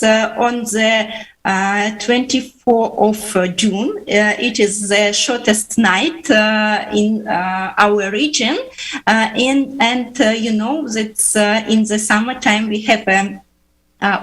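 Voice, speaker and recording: A woman's voice: medium pitch, a bit bright, rough recording. Hesitant woman with a Russian accent. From Uzbekistan. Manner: halting non-native English, many filler pauses. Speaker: ham radio operator guest. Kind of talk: live show interview.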